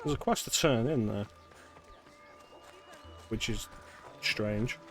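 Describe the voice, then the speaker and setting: A man's voice: fairly low pitch, slow, fairly bright tone, faint music behind. A man streaming a video game, giving casual live commentary as he plays.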